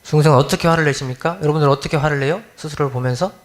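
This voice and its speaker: A man's voice: on the high side, racing. A middle-aged man giving a conversational dharma talk as a minister, often questioning his listeners and acting out everyday grumbles. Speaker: Won-Buddhist minister.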